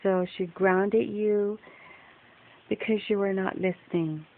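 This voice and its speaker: A woman's voice: medium pitch, steady tone, takes it slowly. A woman on a home phone video firmly and patiently questioning a child. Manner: firm, patient, repeatedly questioning. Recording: tinny lo-fi phone recording with hiss.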